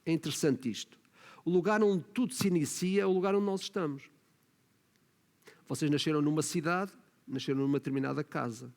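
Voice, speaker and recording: A pastor with a European Portuguese accent preaches a sermon, often adding tag questions and building to emphatic points. His slightly mellow voice is on the high side and fairly quick, with vocal fry and frequent pauses, and a church hall's long reverb surrounds it.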